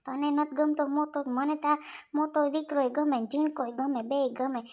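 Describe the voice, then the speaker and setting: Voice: high-pitched, level tone, normal speed, a little mellow, close to an everyday voice. A performer playing a scolding old village mother in a family comedy skit. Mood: stubborn.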